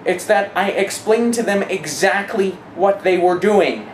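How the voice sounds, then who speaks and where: An interviewee gives personal testimony in a mid-range voice at a measured pace, speaking emphatically. The room is echoey, with clearly audible background noise.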